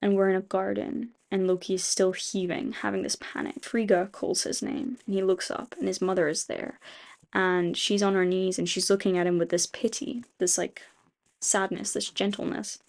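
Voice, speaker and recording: A woman's voice: mid-range voice, level tone, normal speed, creaky. A woman casually retelling a story she wrote, rambling and restarting, with frequent "like" fillers and casual swearing. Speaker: video creator. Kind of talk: casual retelling of a fan rewrite.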